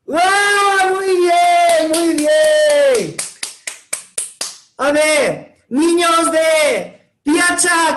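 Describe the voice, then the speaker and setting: A male pastor leads children through a sermon in slightly broken Spanish, calling on each group in turn. He talks very slowly and encouragingly, in a very high voice. The recording has a roomy echo. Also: a bit bright. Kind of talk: preaching to children with shouted call-and-response.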